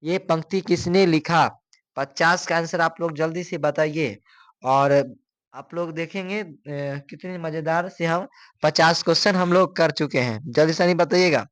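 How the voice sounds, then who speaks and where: A man's voice: a little high, a little slow, no echo. A male coaching teacher, running through exam questions, repeating each one and asking students for the answer.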